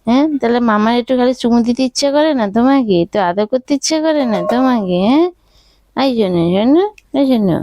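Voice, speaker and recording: A woman's voice: fairly high pitch, fast talker, warm tone, muffled recording, a little hiss or hum. Young mother in sing-song baby talk. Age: young adult. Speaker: vlogger, new mother. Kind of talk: casual vlog talk to her baby and viewers. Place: village home, indoors.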